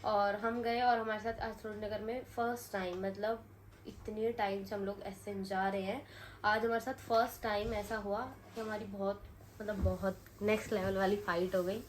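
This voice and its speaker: A young woman vlogging, telling a story in a chatty, animated way with many fillers and restarts. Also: medium pitch, moderate pace, slight background noise. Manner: animated retelling, voices rising when quoting others. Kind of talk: casual storytelling vlog.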